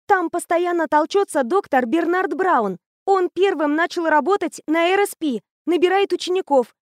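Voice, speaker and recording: A woman voicing an excitable fifteen-year-old girl who gushes about medicine in a rapid, eager chatter. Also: extremely high pitch, no echo, studio quality, voice pushed up. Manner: rapid, gushing, breathless enthusiasm.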